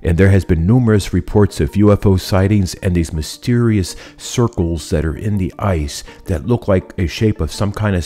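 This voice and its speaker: Low, dark-voiced man narrating steadily. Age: middle-aged. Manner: steady, measured delivery. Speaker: YouTube host. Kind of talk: scripted narration. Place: indoor studio room with monitors.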